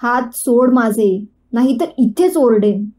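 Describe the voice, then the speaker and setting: A woman voicing a sharp-tongued, defiant young woman who argues fiercely in a storybook reading. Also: high-pitched, unhurried. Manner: combative, sharp.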